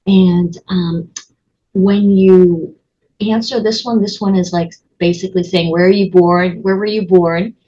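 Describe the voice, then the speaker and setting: A woman college instructor from Connecticut, USA, gives a relaxed screen-recorded walkthrough of her course, full of ums and restarts. Her voice is lowish and dark in tone. The audio has its highs cut off and a faint background hiss.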